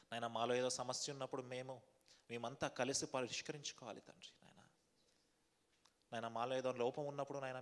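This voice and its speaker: Man preaching in a reverberant church hall. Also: mid-range voice. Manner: earnest preaching, rhetorical questions to the congregation; repetitive fervent prayer cadence. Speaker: pastor. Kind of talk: sermon with congregational prayer.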